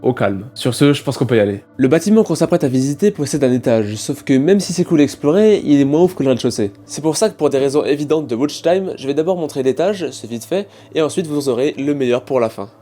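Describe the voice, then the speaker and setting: A man delivering a scripted voice-over for his exploration video, brisk and wry. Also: medium pitch, expressive, dark tone. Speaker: video creator.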